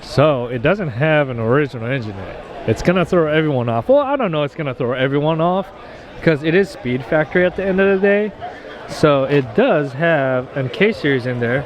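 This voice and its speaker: A man's voice: fairly high pitch, animated, normal speed, dull audio. A man giving enthusiastic, slangy, casual walk-around commentary as a car vlogger at an outdoor meet. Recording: noisy outdoor car meet, vehicle sounds. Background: cars, car alarm beeping at times.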